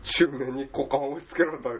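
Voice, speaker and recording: A man's voice: medium pitch, steady tone, fast talker, muffled recording. A man with a Kansai accent, co-hosting a casual radio chat, laid-back and teasing, laughing easily. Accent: Kansai Japanese. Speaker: radio show co-host.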